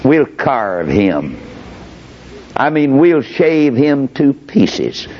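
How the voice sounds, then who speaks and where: A male preacher voicing a boastful palace guard who drawls his threats with slow, gloating relish, on a dull lo-fi recording. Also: medium pitch, sing-song, heavily acted. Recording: dull lo-fi recording with faint hiss.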